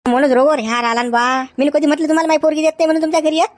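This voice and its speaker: A woman, playing a flustered middle-aged village uncle who scolds excitably. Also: high voice, rapid-fire, lightly acted.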